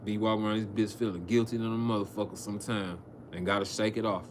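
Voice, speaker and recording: A man reading scripture on a livestream, with casual, profane asides and halting, filler-laden commentary. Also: fairly low pitch, fairly even intonation, slight background noise. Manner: halting, frequent fillers and restarts. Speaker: preacher on a livestream.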